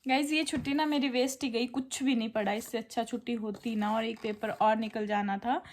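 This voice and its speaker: A woman's voice: a little high, fairly even intonation, a little fast. A woman in her twenties talking casually into her phone for a home vlog, chatting and coaxing her small daughter along. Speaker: vlogger and mother. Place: at home and in a car.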